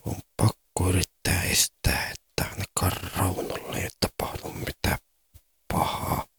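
A man's voice: deep voice, level tone, a little hiss or hum, lightly acted. An actor playing a tired male night-shift restaurant worker who mutters his thoughts to himself in a whispered inner monologue. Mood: weary.

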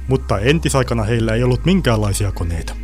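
A man's voice: mid-range voice, expressive, faint music behind, lightly acted. A man voicing an irritable male history teacher who lectures and scolds his class in a storybook reading. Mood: lecturing.

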